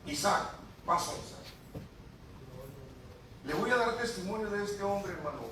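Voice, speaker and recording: A man's voice: sits high, fairly bright tone, slight background noise. A man preaching an impassioned Pentecostal sermon, speaking straight to his congregation. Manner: impassioned, addresses congregation directly. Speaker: pastor. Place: church hall. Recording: echoey church recording from far off.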